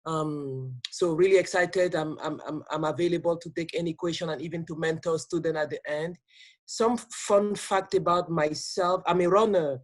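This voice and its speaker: High-voiced man on a panel call. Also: steady tone. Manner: halting, repeats words, laughs often. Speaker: panelist, product manager. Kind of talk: casual panel talk on video call. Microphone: video call.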